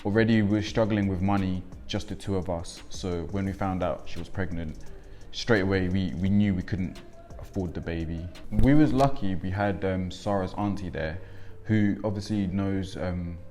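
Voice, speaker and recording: Deep-voiced young man, reflective. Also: moderate pace, few pauses, darkish tone, faint music behind. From Congo, raised in England. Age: 20s. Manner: reflective, frequent ums. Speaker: interviewee, young father. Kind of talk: documentary interview.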